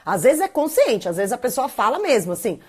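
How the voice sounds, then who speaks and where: Brazilian woman, thirties, casual live stream chat, lively and talkative, slightly high voice, acts out quotes. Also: a little fast, husky. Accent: Brazilian Portuguese. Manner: chatty and animated, quoting others in playful voices.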